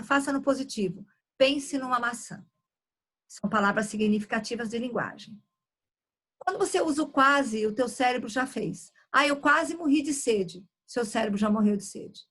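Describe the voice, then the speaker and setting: Casting: woman trainer, airy high voice, instructive workshop delivery. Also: fairly bright tone. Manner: instructive, frequent "tá?" check-ins. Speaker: communication trainer. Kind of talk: live online workshop.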